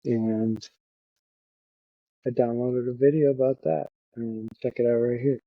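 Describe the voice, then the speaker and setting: Slow, halting middle-aged male podcaster. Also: medium pitch, steady tone, dry recording, phone-quality sound. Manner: halting, with fillers. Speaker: podcast host. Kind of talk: solo podcast talk.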